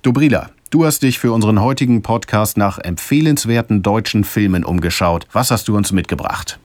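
A man's voice: on the low side, fairly quick, a little mellow, no echo. A man presenting a podcast from a prepared script as its host.

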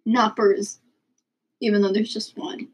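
A woman's voice: mid-range voice, level tone, unhurried, breathy edge. A young woman from Illinois co-hosting a podcast in casual chat, rambling and laughing often. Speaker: podcast co-host.

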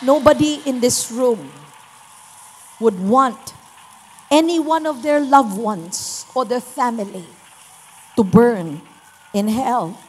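A woman's voice: a little high, lively intonation, slow pace, pauses often, a little mellow, breathy edge. Urgent woman pastor in a reverberant hall. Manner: emphatic, urgent exhortation. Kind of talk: sermon. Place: church hall. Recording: long church hall reverb.

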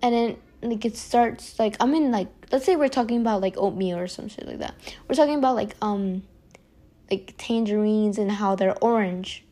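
A young woman talking casually to the camera, rambling with lots of "like", restarts and sighs, sometimes dropping quieter and slower. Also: mid-range voice. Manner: rambling, heavy use of "like", frequent sighs and restarts; often drops to a quieter, slower voice. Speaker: vlogger. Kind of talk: casual confessional monologue to camera.

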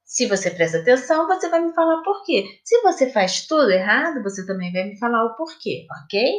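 Woman teacher, Brazilian Portuguese accent, slow and patient with children, fairly high voice, echoey room. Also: big pitch swings. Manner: slow, patient, sing-song questioning. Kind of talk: recorded remote lesson for children.

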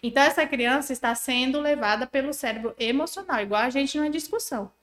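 A woman's voice: sits high, fast, reverberant. A woman on a podcast explaining parenting step by step, acting out what a child and a parent say. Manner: animated, acts out child and parent voices. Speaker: guest parenting expert.

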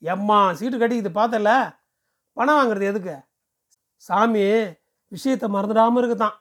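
A man voicing a pushy, smooth-talking male temple ticket seller who lectures briskly and persuasively. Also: high voice, a bit bright. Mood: brisk lecturing.

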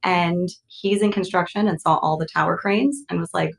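An American woman chatting casually as a podcast guest, with a little vocal fry and an informal way of talking. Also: on the low side, fairly even intonation, moderate pace. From Illinois, United States. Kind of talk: casual interview chat.

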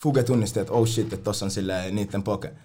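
A man's voice: lowish voice, fairly even intonation, mellow. A young man telling party stories in casual chat, full of slang and swearing, often mimicking other people.

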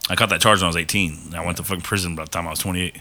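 Young guy with a low, bright voice, rambling and profane in casual chat. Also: steady tone, racing. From Texas. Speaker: podcast guest.

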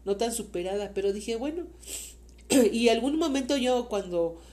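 Mexican mother, interview guest, warm mellow tone, earnest and rambling, full of faith. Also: on the high side, lively intonation, normal speed. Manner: earnest, faith-filled, rambling with many fillers. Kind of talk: casual heartfelt conversation.

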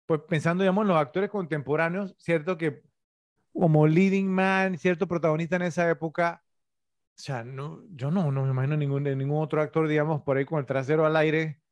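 A man's voice: a little high, steady tone, a little fast, no room sound. A middle-aged man co-hosting a casual film-review podcast, rambling and full of tag questions. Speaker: podcast co-host.

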